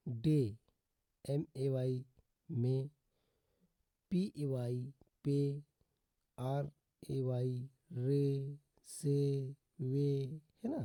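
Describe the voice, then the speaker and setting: Speaking Hindi, a man gives a slow phonics lesson on English pronunciation, restating rules, elongating sample words, and often calling his audience "friends." His voice is mid-range and mellow, recorded dry.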